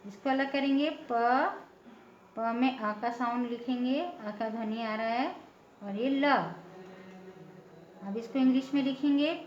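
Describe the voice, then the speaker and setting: A woman's voice: high-pitched, darkish tone, slight background noise. A woman teaching a patient, step-by-step lesson, often checking in with her listeners. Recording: echoey room, dull lo-fi sound.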